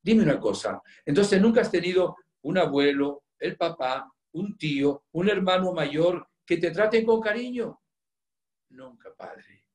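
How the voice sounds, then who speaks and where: A man preaching in an earnest, storytelling way, his voice pitched a little high for a man. He swings between loud emphasis and soft, hushed moments. The sound rings with a roomy echo. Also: lively intonation, moderate pace, hardly any pauses. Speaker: priest. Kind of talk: storytelling sermon.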